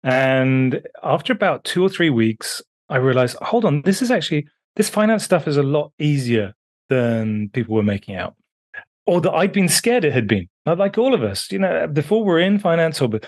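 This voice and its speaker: A British man in his fifties, appearing as a guest author on a remote call, tells his story in a conversational interview. He is animated, his pitch jumps up for emphasis, and he frequently restarts his sentences.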